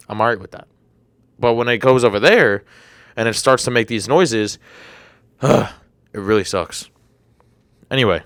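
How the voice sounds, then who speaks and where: A young man in his twenties hosts a solo podcast into a desk microphone, rambling and sounding incredulous. His voice sits fairly low and a bit bright, with a clean tone and a slightly congested throat. The recording is dry, with clean studio sound.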